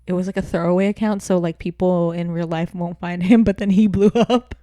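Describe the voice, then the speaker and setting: A young woman co-hosts a casual podcast, teasing and laughing freely. She often drops her voice to soft mumbled asides. The sound is dry and close, with no room around it. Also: lowish voice, fairly even intonation, fairly quick, dry recording. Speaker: podcast co-host. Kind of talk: casual chat.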